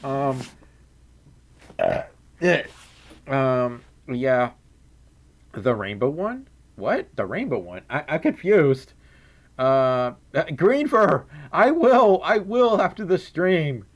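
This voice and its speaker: His scratchy voice is a little high and swings through big pitch changes as this young streamer reads donations slowly, leaving long pauses. Casual and playful, he giggles and hums over the chat messages.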